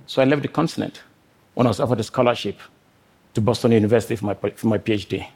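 A middle-aged man from Cameroon, a scientist giving a prepared talk on stage, speaking earnestly in short measured phrases. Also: lowish voice, darkish tone, breathy edge. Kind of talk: prepared talk to a live audience.

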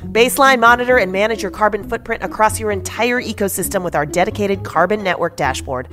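A woman reading scripted sponsor ads with smooth, polished delivery. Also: medium pitch, fast, a bit bright. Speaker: sponsor ad reader. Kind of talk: scripted podcast ad read. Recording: faint music behind.

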